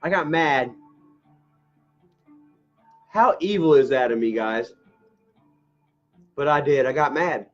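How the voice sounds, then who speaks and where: Man, live streamer, rambling casual chat, laughs a lot, swears, slightly high voice, muffled lo-fi sound, faint music behind. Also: takes it slowly, long pauses. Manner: eating ice cream while talking.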